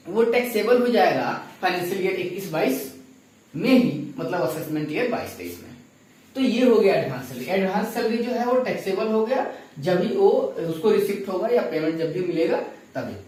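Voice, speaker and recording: A man's voice: high-pitched, darkish tone. A man teaching a class, explaining step by step and putting questions to his students. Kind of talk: classroom lecture. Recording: echoey room from far off.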